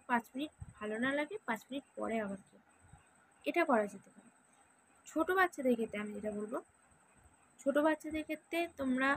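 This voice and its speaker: A woman's voice: a little high, a little hiss or hum, rough recording. A young woman, a mother, giving parenting advice to viewers in a chatty, earnest way. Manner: chatty, earnest, repeats "thik ache". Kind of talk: casual advice talk to viewers.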